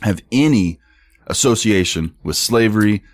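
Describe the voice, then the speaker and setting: Blunt, deep-voiced young man, sports podcast. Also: lively intonation, a little slow. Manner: blunt, profane, laughs often, reads tweets aloud. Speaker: podcast co-host. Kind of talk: casual sports podcast chat.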